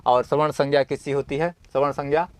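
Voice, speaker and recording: A smooth, mid-range male voice moves at a quick pace with fairly even intonation and no room sound. The teacher reads Sanskrit from a model exam paper, explains it in plain Hindi, and answers his own questions to the class, using everyday comparisons in a homely, encouraging way.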